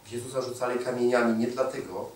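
A man preaching a sermon, emphatic, repeating key phrases and slowing down to stress them. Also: mid-range voice, steady tone, slight background noise. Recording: echoey hall, voice from a distance.

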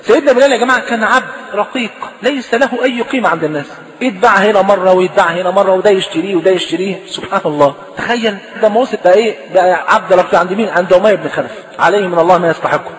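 A male preacher with an Egyptian Arabic accent tells a story in a sermon. He acts out the dialogue in an animated way. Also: high-pitched, racing. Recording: long hall reverb.

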